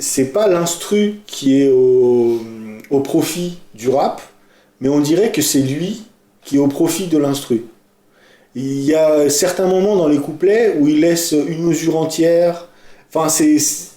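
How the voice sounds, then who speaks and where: A man co-hosting a casual music podcast, talking about a song he loves with frequent hesitations and clear enthusiasm. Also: a little high, dark tone. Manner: hesitant, many fillers, enthusiastic. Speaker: podcast co-host presenting a song. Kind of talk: casual chat. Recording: echoey room.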